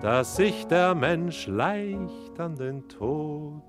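A man delivering verse in a drawn-out, unhurried way over music. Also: on the high side, expressive.

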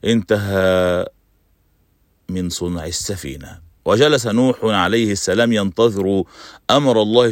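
A male sheikh hosts a religious radio lesson, telling stories of the prophets. He speaks in a measured, formal recitation with a somewhat low voice. The recording is dry and close. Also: no room sound. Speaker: sheikh and radio program host.

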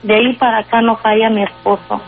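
A woman tells a personal faith testimony on call-in radio, in an earnest, halting way with frequent fillers. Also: on the high side, little pitch movement. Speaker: guest sharing a faith testimony. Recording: tinny phone line with faint music.

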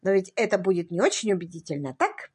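A woman voicing a cool, cynical gentleman motorist with a dry, ironic manner in a read-aloud story. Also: medium pitch, very animated, quick pace, breathy edge.

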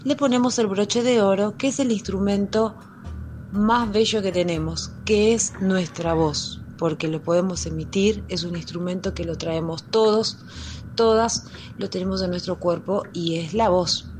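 A woman with an Argentine accent, a music teacher giving a patient, step-by-step explanation on school radio, often pausing with fillers. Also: medium pitch, fairly even intonation, a little mellow, a little hiss or hum.

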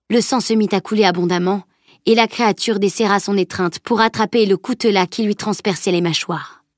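A woman reads an audiobook aloud in a measured, even manner. Her voice sits at a middle pitch. The recording is close and dry, with no room sound. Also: no room sound. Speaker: audiobook narrator. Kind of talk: scripted audiobook narration.

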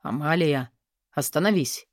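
A woman voicing a meek young lord who speaks softly and hesitantly. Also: low voice, unhurried, no echo, studio quality, voice pushed down. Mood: pleading. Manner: soft, hesitant.

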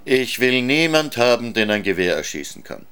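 A man's voice: medium pitch, very animated, normal speed, fairly bright tone, smooth, pitched above the performer's own voice. A man voicing a stubborn lonely boy. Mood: defiant. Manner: insistent, defiant. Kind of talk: storybook reading.

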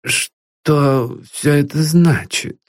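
A man's voice: mid-range voice, very animated, extremely slow, vocal fry, slightly rough, dry recording, studio quality, pitched above the performer's own voice, heavily acted. A man doing a paranoid old father. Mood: weak. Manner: ranting then weak and faltering. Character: elderly frightened rich father, paranoid and guilt-ridden. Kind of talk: audiobook reading.

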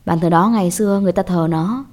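A woman reading as a calm, grave monk. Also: on the low side, lightly acted. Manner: gentle, slow.

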